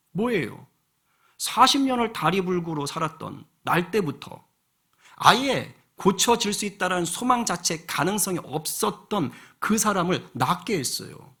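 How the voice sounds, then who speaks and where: Man, middle-aged, senior pastor, sermon, husky, slightly high voice, rhetorical questions, church sanctuary. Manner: animated preaching, rhetorical questions to the congregation.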